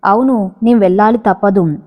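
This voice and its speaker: A woman's voice: medium pitch, steady tone, normal speed, a little mellow, close to an everyday voice. A woman voicing a tense, secretive young rich husband in a spoken story, curt and pleading. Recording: reverberant, slightly dull audio.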